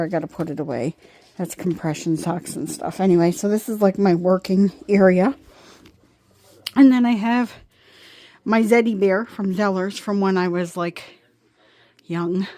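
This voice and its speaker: A woman's voice: mid-range voice, darkish tone, no echo. A woman from Nova Scotia, chatting casually in a vlog, rambling with fillers, recorded on a phone while out walking and at home. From Nova Scotia, Canada. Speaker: vlogger. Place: outdoors walking, then at home desk.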